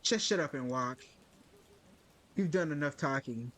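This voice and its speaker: A man reading the lines of a stern, cold woman in a story game, a bit lower and clipped. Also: measured pace, a bit bright.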